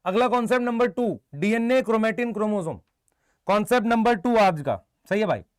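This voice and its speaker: A man teaching a biology lesson, briskly quizzing his students and answering for them, mixing Hindi with English terms. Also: high voice, lively intonation, clean tone, no room sound, clean studio sound. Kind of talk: live online exam-prep lecture.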